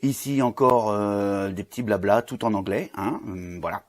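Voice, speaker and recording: A man with a slightly low voice talks his viewers through an unboxing. He chats loosely, full of fillers and restarts, in the easy tone of a hobby reviewer. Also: normal speed. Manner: chatty, many fillers and restarts. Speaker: vape reviewer.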